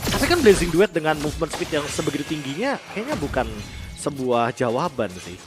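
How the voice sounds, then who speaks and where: A man's voice: on the high side, sing-song, brisk. A man with an Indonesian accent giving live esports commentary, wordy and analytical, mixing in English gaming terms. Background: music.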